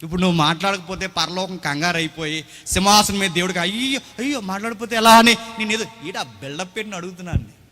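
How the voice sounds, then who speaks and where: A man's voice: high-pitched, quick pace, bright, forceful tone, long reverb tail. A man preaching a sermon with dramatic delivery, posing rhetorical questions and acting out the voices of people he quotes. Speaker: pastor. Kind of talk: Telugu sermon with acted dialogue.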